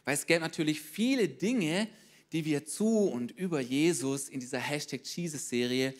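A man preaching a sermon as pastor, lively and speaking straight to his congregation, often checking in with a quick question. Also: on the high side.

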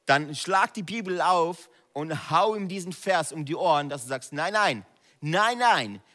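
A man preaching a sermon, proclaiming Bible verses emphatically and shifting between loud exhortation and quiet, close asides. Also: a little high, normal speed, long reverb tail.

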